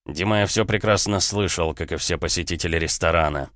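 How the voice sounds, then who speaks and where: A man's voice: deep voice, brisk, fairly bright tone, dry recording, studio quality. A man voicing a cold, tense young guild head in an audiobook, speaking in a clipped, icy way. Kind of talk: audiobook character reading.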